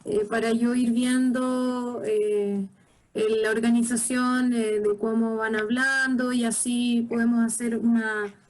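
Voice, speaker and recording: Woman running the online chat on a call, higher voice, lots of ehs. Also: a little mellow, poor audio. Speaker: co-moderator. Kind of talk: moderating an online discussion.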